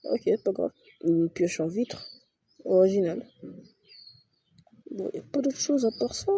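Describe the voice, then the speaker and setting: A young man, chatting slowly through his game and muttering to himself. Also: sits high, lively intonation, mellow, slightly rough, lo-fi sound. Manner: talks to himself, mutters and swears at mistakes. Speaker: gaming youtuber. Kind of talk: casual let's-play commentary.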